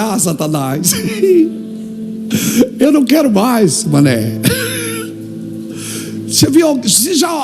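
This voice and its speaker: High, gravelly Brazilian preacher. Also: male voice. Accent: Brazilian Portuguese. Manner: impassioned preaching that acts out dialogues and builds to shouted climaxes. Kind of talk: fervent church sermon. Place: church.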